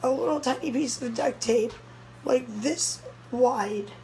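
Speaking slowly into a phone camera held close and low, a young woman who vlogs about her cat recounts a scare in a breathless, urgent rush. Her voice is hoarse, a bit strained, fairly high, and darkish in tone, with a faint hum running beneath it. She's telling the story casually from a small indoor room with red walls.

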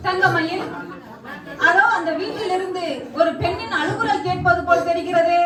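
A woman's voice: extremely high pitch, steady tone, normal speed, far from the mic. A stately, caring queen on a street-theatre stage. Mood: regal. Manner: formal declamatory speech. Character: stately compassionate queen touring her kingdom. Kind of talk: Tamil street theatre acting. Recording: roomy outdoor stage recording from afar. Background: music and crowd.

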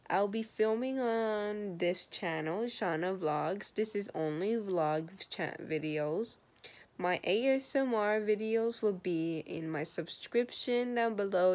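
Chatty woman vlogging from her bedroom, slow and rambly, hiccupy, on a handheld cam. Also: mid-range voice. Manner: rambling, chatty, lots of fillers. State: has the hiccups. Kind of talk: casual vlog update.

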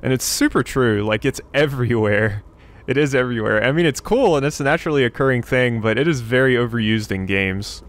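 Speaking fairly quickly in an expressive mid-range voice, this let's player chats casually over his gameplay, thinking out loud, wandering off topic, and repeating himself. Quiet game ambience plays in the background.

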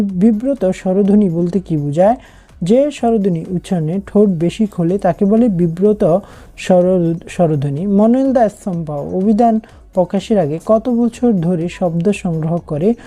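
Mellow-voiced woman tutoring exam questions. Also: mid-range voice. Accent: Bangladeshi Bengali. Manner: reads questions then gives answers, with some restarts. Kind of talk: exam prep lesson, question and answer.

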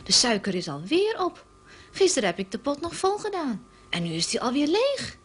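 Storybook housewife, playful and mock-innocent, pitched up, as a woman narrator puts her on. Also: sing-song, normal speed, slightly rough. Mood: exasperated. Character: teasing, mischievous housewife.

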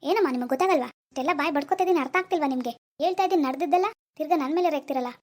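A young man playing a stubborn village man who argues quickly and bluntly in a village drama. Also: very high-pitched. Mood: defiant.

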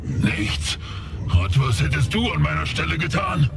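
Game dragon mother, wounded and vengeful, gravelly hissing monster voice, slow delivery, loud score behind. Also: medium pitch, huge pitch swings, far from the mic, over loud music. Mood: bitter, furious. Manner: hissing, bitter, drake-like monster speech. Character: wounded, vengeful female dragon, last of its kind. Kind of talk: dramatic video game character acting.

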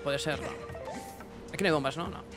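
A young man giving casual let's-play commentary, excitable, talking to himself and his chat with bursts of yelps. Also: on the high side, fairly quick, soft background music. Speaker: gaming streamer.

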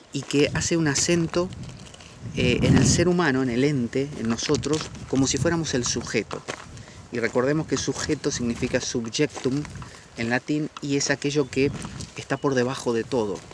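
A man giving a thoughtful, reflective spoken talk, pausing often and restarting his sentences. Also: mid-range voice, noisy background. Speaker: host. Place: outdoors at a monastery retreat.

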